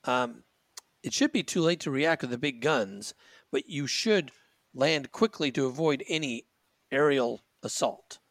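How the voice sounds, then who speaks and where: A man's voice: mid-range voice, lively intonation, measured pace, fairly bright tone, dry recording. Man running a tabletop game. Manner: rambling, with many fillers and restarts. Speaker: game master.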